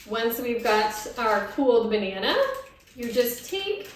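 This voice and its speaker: A chatty woman with a fairly high voice hosts a cooking show and explains each step as she goes. She giggles easily. The sound is distant and boomy in a very echoey kitchen. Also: big pitch swings, measured pace, slight background noise. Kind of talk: casual cooking demo chat. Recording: very echoey room, mic far off.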